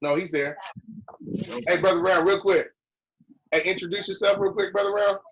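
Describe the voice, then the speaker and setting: Relaxed male host, slightly higher voice, easygoing "copy that" call-and-response. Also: moderate pace, dull audio, slight background noise. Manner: relaxed, repeats "copy that" radio-style. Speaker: online lodge meeting host. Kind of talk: casual meeting chat.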